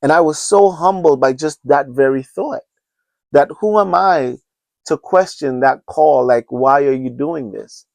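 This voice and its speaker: A Trinidadian man in his fifties talks unscripted on his own solo podcast, earnest and rambling, restarting often and urging listeners like a preacher. His voice is fairly high and gravelly, at a measured pace, with no room sound.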